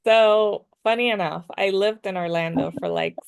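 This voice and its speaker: A Dominican woman in her 30s, a clothing brand owner guesting on a podcast, casually tells personal stories and sometimes switches between English and Spanish. Her mid-range voice is gravelly at normal speed, with a clean tone and no room sound.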